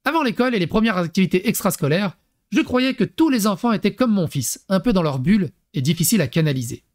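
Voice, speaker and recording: A man commenting comically on a parenting text he reads aloud, with animated, crude talk and mock acting mixed in. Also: high voice, fast talker. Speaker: YouTube commentator.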